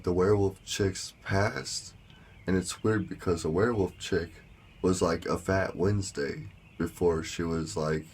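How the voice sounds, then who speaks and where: A man telling a story in a casual vlog, rambling with lots of fillers and small laughs, with a sore lower back. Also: darkish tone, breathy edge. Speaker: vlogger.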